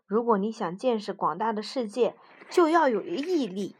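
A woman voicing a bossy, impatient male mouse adventurer in a storybook, speaking sternly and loudly. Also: on the high side, big pitch swings, moderate pace, breathy edge.

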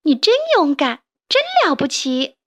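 A woman voicing a small timid young male toad who cries out in a high, excited voice. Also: normal speed, no echo, studio quality, close to an everyday voice. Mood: admiring.

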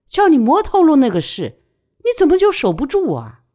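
A woman's voice: a little high, huge pitch swings, normal speed, pitched above the performer's own voice. A woman voicing a blunt woman friend who scolds and pleads. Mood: scolding.

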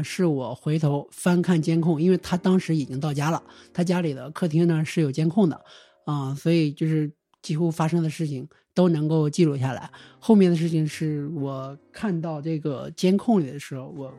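A man casually retelling a strange family experience as a guest storyteller, in a loose, halting way with frequent restarts. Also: fairly high pitch, dark tone. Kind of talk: casual spoken storytelling of a real ghost experience.

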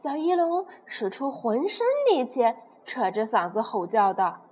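High, lively woman reading a children's story. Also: unhurried, slight background noise. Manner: expressive, with sound words.

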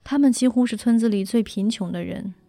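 A woman reading her memoir aloud in a calm, subdued, reflective way. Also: a little high, brisk, gravelly, no room sound. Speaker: narrator.

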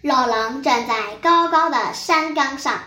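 A child reading a children's storybook aloud in an expressive way. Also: high voice, unhurried. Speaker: story reader. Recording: echoey room.

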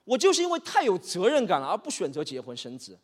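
A man in his thirties from Shanghai doing a stand-up set, animated, slipping English phrases into his talk and acting out characters. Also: sits high, fast talker, slightly rough. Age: 30s. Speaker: stand-up comedian. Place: stage in a hall. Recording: reverberant hall.

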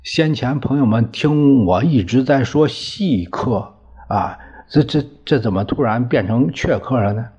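A man's voice: medium pitch, expressive, measured pace, mellow, breathy edge. A man retelling a classic novel in a casual storytelling style, chatty and hesitant with many fillers and asides, on a dull lo-fi recording.

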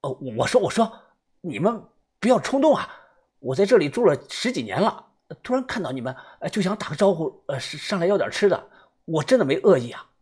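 A man's voice: sits high, big pitch swings, fairly quick, darkish tone, husky, exaggerated voice. A man voicing a ragged hermit who stammers and pleads in fear. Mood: nervous. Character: scared ragged hermit man, middle-aged.

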